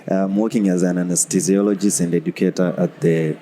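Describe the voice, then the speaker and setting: Deep-voiced man from Tanzania. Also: fairly even intonation, mellow, a little hiss or hum. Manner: halting, many fillers. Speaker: guest anesthesiologist. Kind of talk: conference interview.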